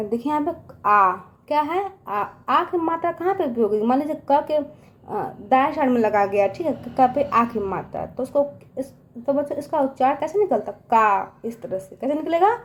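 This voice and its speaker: A woman teaching young children in a coaxing voice, often addressing them and slowly stretching out each syllable as she sounds it. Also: high voice. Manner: coaxing, repeats "ठीक है" and "बच्चों" often. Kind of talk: children's lesson.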